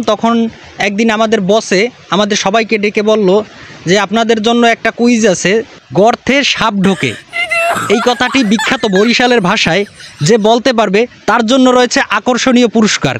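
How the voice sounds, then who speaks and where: A man's voice: high-pitched, fairly even intonation, moderate pace, noisy background, lightly acted. A man playing a game show contestant, an office worker telling his story in a plain, earnest way.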